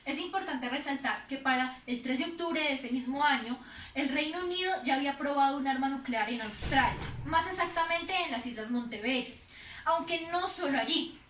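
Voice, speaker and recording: A woman's voice: sits high, moderate pace, fairly bright tone, echoey room, far from the mic, slight background noise. A woman reading assertive lines in a scripted school debate.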